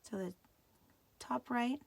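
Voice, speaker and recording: A woman's voice: fairly high pitch, takes it slowly, creaky, slightly rough. A middle-aged woman teaching a live craft tutorial, patient and often checking that viewers can follow.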